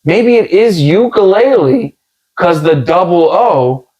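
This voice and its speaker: Brief: middle-aged man, rambling comic podcast host, swinging, animated pitch, lots of restarts. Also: takes it slowly, breathy edge, poor audio. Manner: rambling, joking, many restarts. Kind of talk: casual comedic chat.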